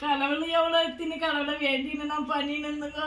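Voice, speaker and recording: A woman playing a shrill wailing village wife. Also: flat delivery, fairly quick, distant mic, natural voice. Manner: melodramatic wailing, sobbing lament. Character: grieving village wife wailing over lost baby. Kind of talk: comic family skit. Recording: echoey room, off-mic, faint hiss.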